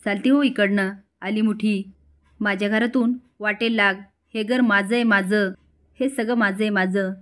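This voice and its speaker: A woman's voice: mid-range voice, steady tone, normal speed, lightly acted. A woman reading the lines of a proud, angry young woman who scolds her family. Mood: scornful. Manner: scolding, sharp retorts.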